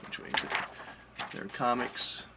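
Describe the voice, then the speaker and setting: Heavy background noise surrounds an unhurried man in his forties talking to the webcam from his desk. He collects and resells items online, and from his indoor home office crowded with collectibles he chats through a casual vlog update, rambling, offhand, and frequently fixing his own sentences partway through.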